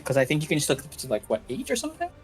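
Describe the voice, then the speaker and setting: A man's voice: a little high, huge pitch swings, very fast. A man narrating a tabletop game casually as game master. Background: faint music.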